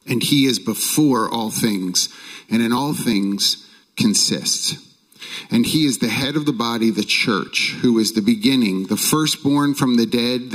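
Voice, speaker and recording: A man reading scripture aloud at a pulpit microphone in a measured, deliberate way. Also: medium pitch, low-quality recording. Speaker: scripture reader.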